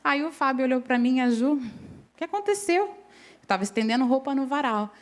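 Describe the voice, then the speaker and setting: A woman's voice: sits high, fairly quick. A middle-aged woman preaching a sermon in a church, telling personal stories in a conversational way and often checking in with the congregation. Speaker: preacher at a women's service.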